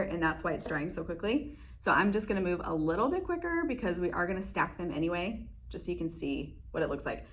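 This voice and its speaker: A woman's voice: fairly low pitch, a little hiss or hum. Young woman, casual tutorial host, chatty and giggly. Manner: chatty, laughs often, many fillers. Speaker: beauty vlogger. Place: room in her salon.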